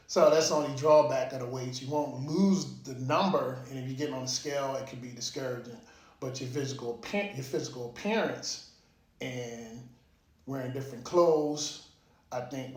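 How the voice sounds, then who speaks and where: A man talks casually and informally in a motivational monologue, like a fitness vlogger, with the occasional swear word. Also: mid-range voice. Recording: echoey room.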